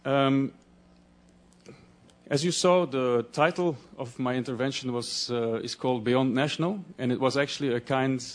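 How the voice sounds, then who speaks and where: This mid-range voice belongs to a Dutch-speaking man from Belgium presenting at a conference. He speaks haltingly, restarting often while searching for words.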